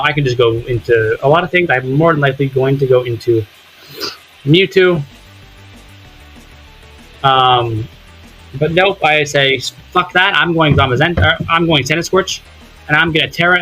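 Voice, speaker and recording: A man's voice: on the high side, fairly bright tone, breathy edge, poor audio. A young man casually talking through his own game, thinking aloud and swearing now and then. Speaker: gaming commentator. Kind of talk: casual commentary over gameplay footage.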